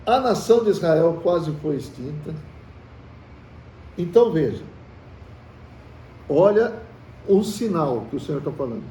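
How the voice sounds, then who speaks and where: A man with a Brazilian Portuguese accent leads a Bible study conversationally, quizzing the group and calling them brothers. His voice is on the high side and dark-toned, with lively intonation, an unhurried pace, and long pauses. The recording sounds distant, in an echoey room with faint hiss.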